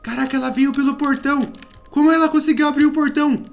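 A young man with a Brazilian accent commenting on a game for viewers, acting scared and excited. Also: very high voice, fast talker, vocal fry. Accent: Brazilian Portuguese. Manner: dramatic, feigns fear, talks to viewers and companion. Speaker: gaming youtuber. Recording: background music under voice.

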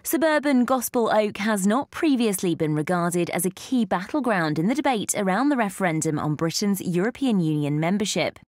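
A woman news reporter giving scripted narration in a measured, clear delivery. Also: medium pitch, animated, darkish tone, no room sound, studio quality.

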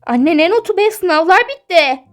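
A woman's voice: extremely high pitch, expressive, normal speed, faint music behind. A woman voicing a dreamy, defensive teenage girl in a toy-game role-play, whiny and protesting.

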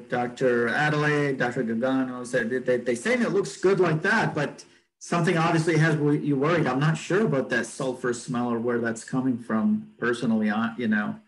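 A man moderates an online medical session over a video call. His voice sits at an ordinary middle pitch. He speaks casually and stumbles, repeating words as he gathers his thoughts. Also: moderate pace, poor audio. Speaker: conference moderator. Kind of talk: moderating a virtual conference. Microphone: video call microphone.

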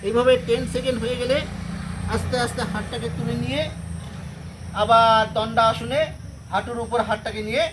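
A woman's voice: a little high, background noise. A woman yoga teacher, leading a class of schoolchildren and giving step-by-step commands and counting aloud.

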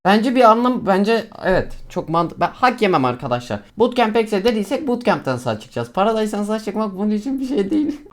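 Excitable young man, lively pitch. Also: brisk, hardly any pauses. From Turkey. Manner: excitable, joking, complains loudly, then mutters low. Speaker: gaming streamer. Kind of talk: casual gameplay commentary. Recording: faint game noise and gunfire behind.

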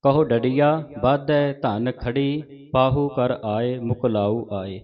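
A man with a Punjabi accent reciting scripture verse by verse as a teacher, pausing to correct pronunciation. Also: medium pitch. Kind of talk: slow measured recitation lesson. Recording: dull lo-fi recording.

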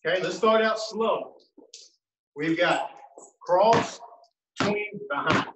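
This home workout clip has a man coaching dribbling drills, counting out reps and giving encouraging cues in a voice that sits high and moves slowly. It's recorded in an echoey room with the mic far away and heavy noise.

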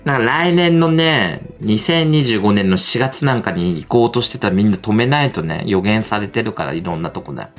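A middle-aged man chatting on a livestream, gossipy and animated, with a lively voice that swoops up and down. Faint music plays behind him. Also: lowish voice, fairly quick, few pauses. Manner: animated, gossipy, laughs often. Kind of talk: casual livestream chat.

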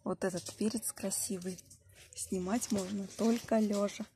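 Unhurried woman narrating a noisy garden video. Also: medium pitch, fairly even intonation, mellow. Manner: halting short phrases, pointing things out. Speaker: home gardener showing plants. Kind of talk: casual garden vlog narration. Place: outdoor garden beside a wall. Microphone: handheld phone or camera close to plants. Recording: clear handling rustle and outdoor background noise.

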